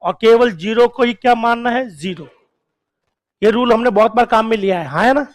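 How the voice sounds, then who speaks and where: High-voiced male teacher quizzing his class. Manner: quizzes the class with repeated questions; drills key points slowly and repeats them. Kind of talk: classroom lecture.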